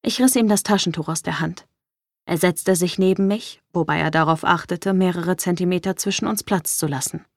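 Woman narrator, first-person audiobook, lowish voice, measured storytelling. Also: darkish tone, dry recording.

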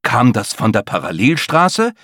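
A male audiobook narrator reads a tense thriller with dramatic delivery. His pitch moves a lot, and the sound is dry and close with no room echo. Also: wildly swooping pitch, unhurried, a bit bright. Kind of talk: scripted narration.

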